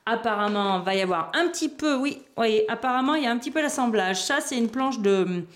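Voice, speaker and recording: A woman's voice: fairly high pitch, lively intonation, fairly quick. A woman hosting a board game unboxing video, chatting casually and thinking aloud as she handles the pieces. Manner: chatty, thinks aloud while handling items, small laughs.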